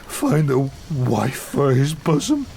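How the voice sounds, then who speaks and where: Frankenstein's gravelly, brooding monster. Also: male voice, mid-range voice, big pitch swings, warm tone, a little hiss or hum, heavily acted. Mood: anguished. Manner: slow, archaic, menacing speech. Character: man-made monster, wounded, demanding, bitter outcast. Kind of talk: gothic audio drama acting.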